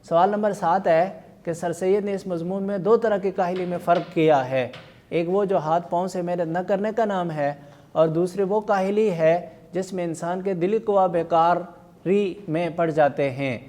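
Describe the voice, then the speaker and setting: Man, teacher, online lesson, repeats words for pronunciation, higher voice, mellow. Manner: slow, careful dictation of words and vowel marks.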